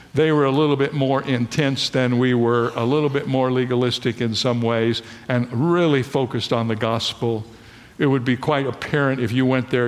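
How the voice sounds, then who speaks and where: Middle-aged guy preaching a sermon, lively storyteller, slows down to hit the big lines, sanctuary echo. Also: mid-range voice. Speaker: pastor. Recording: long reverb of a large hall.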